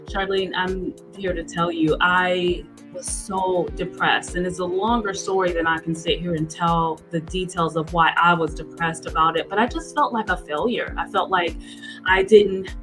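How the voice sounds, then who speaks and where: A woman in her forties, a guest in an interview, telling her story earnestly with halting restarts. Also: lowish voice, steady tone, over music, low-quality recording. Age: 40s.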